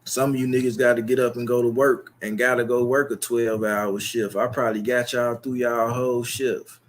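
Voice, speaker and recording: At normal speed and medium pitch, with little movement in his pitch, a young Chicago streamer on YouTube talks right to his viewers. It's a lengthy, boastful, profane, rambling monologue.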